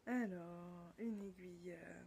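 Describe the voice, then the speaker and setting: A French woman hosting a knitting podcast, chatting casually as she unboxes gifts, full of delighted little exclamations and often dropping to a soft near-whisper. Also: fairly low pitch, slow pace, creaky. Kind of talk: casual unboxing chat to camera. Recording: noticeable background noise.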